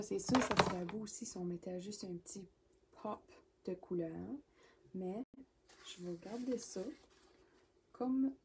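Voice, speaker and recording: A woman with a Québécois French accent talks through a card-making tutorial at an unhurried pace, thinking aloud as she works. Her delivery is chatty, sometimes falling to a soft murmur. Steady clicks and handling noise from the craft table sit clearly under her voice. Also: medium pitch.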